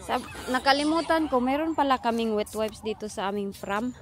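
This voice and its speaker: A woman's voice: a little high, animated, normal speed. A woman vlogging while she walks her children home, chatting casually and switching between Tagalog and English. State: out of breath. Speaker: mother vlogging a walk home with her kids. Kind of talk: casual vlog chat. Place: outdoors on a street, walking.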